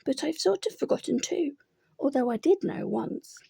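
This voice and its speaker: A fussy male rabbit thinks aloud in earnest, sounding rather pleased with himself , as a woman voices him. His voice is high, with a gravelly edge. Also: sing-song, moderate pace, warm tone, no echo, studio quality, exaggerated voice. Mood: musing.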